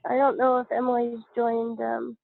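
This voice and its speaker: A woman's voice: fairly high pitch, completely flat delivery, vocal fry, no room sound. Nasal woman with a head cold. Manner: halting, with many pauses. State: congested with a cold. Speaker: call facilitator. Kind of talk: conference call chat. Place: at home. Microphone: iPad on a call. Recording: dry, tinny phone-like call line.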